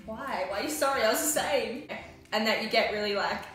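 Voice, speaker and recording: A woman's voice: a little high, fairly quick, fairly bright tone. Giggly teenage girl in an echoey room. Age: teens. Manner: giggly, reads questions aloud. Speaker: guest friend. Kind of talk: casual chat. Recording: roomy echo with faint music.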